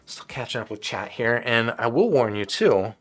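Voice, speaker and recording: Hosting a live stream with soft music in the background, this man fields viewer questions on audio equipment. His medium-pitched voice is expressive and moderately paced, though it turns dry and weary as he rambles conversationally and keeps restarting his sentences.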